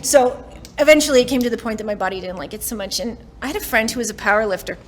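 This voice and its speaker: A woman's voice: fairly high pitch, very fast, slight background noise. A woman in her forties giving a motivational talk to a live audience, chatty and self-mocking, often laughing between lines. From Canada. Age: 40s. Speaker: keynote speaker. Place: summit stage in front of an audience.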